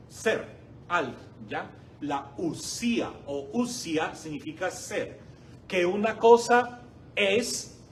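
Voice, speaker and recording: A male parish teacher leads a Bible class in an unhurried, high voice. He keeps asking his students questions and repeats each key word. He is recorded from across a church hall classroom, with a faint hiss behind him. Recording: distant mic, faint background noise.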